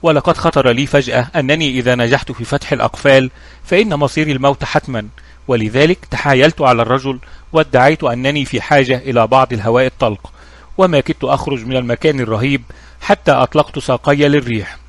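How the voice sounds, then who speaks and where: A man voicing a frightened male thief who stammers and rushes his words in a story reading. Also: medium pitch, dry recording, close to an everyday voice. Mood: fearful.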